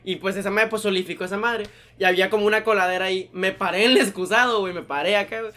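A man's voice: high voice, racing. A young man with a Mexican accent, telling a story in casual chat, full of slang and acted-out quotes. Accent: Mexican Spanish. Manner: slangy, animated storyteller acting out voices.

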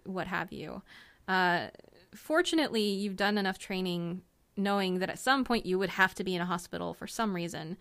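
A woman's voice: lowish voice, fairly bright tone, smooth. A woman running a tabletop role-playing game, describing scenes in a chatty, meandering way with many fillers. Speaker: game master.

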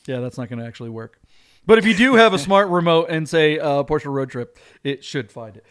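A man's voice: fairly high pitch, animated, a little fast, fairly bright tone, clear, resonant tone. A man co-hosting a live car auction talk show, joking and rambling as he plugs his show and signs off. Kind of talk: casual banter and show sign-off.

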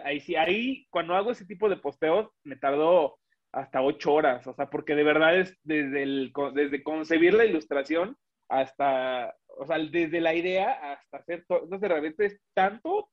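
Male guest, chatty and rambling, fairly high voice, dull lo-fi audio. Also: normal speed. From Mexico. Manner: rambling, many restarts and fillers. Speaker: guest, illustrator and animator. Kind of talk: casual interview chat.

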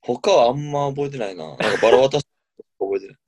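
A man's voice: mid-range voice, lively intonation, darkish tone, breathy edge, no echo. A young man with a Kansai accent chatting casually on radio in a hesitant, groggy, slightly muddled way. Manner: hesitant, slow-witted, groggy. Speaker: radio show co-host, novice comedian.

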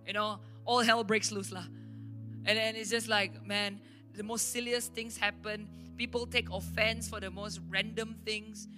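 A woman's voice: mid-range voice, a little slow. Emphatic Malaysian woman pastor preaching. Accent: Malaysian English. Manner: emphatic, animated storytelling. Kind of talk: sermon storytelling. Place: church service. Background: faint instrumental worship music.

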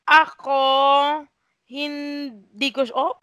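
A Filipino woman in her twenties co-hosting a podcast, telling work stories in animated casual chat and acting out quoted dialogue. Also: sits high, drawn-out words, no echo, rough recording. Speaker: podcast co-host.

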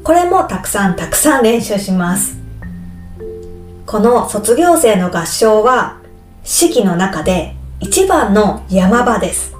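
A woman explaining a topic slowly and simply, like a teacher speaking to language learners. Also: medium pitch, sing-song, reverberant, faint music behind. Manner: slow, clear, explaining simply with repetitions. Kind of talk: slow explanatory podcast talk.

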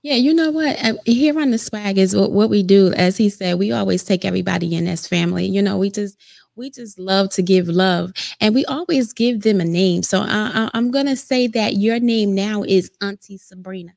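A woman co-hosting a morning talk show, affirming and chiming in with quick yeses. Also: medium pitch, gravelly, darkish tone, no echo, studio quality. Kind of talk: casual talk show chat.

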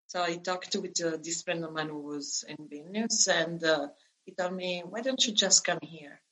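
A woman's voice: lowish voice, moderate pace, bright, forceful tone, low-quality recording. A woman in her thirties from Italy, telling her story as a guest in a conversational interview, hesitant with many fillers and restarts.

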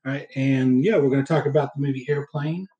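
A man's voice: medium pitch, fairly even intonation, brisk, dark tone, dull audio. A man hosting a casual film chat in a hesitant, rambling way. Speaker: podcast host. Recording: echoey, roomy sound.

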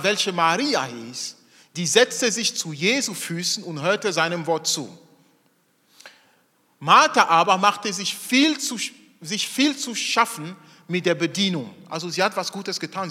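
A man preaching a sermon in an animated way, acting out the voices of people in his story. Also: high-pitched, measured pace, long reverb tail. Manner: animated, acts out quoted voices.

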